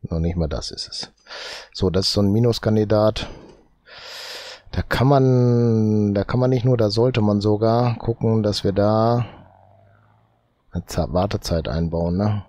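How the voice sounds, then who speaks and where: A let's play host with a low voice and a cold gives slow, thinking-aloud gameplay commentary, muttering and drawing out his words and tagging lines with "ne?". His tone is warm and there is no echo.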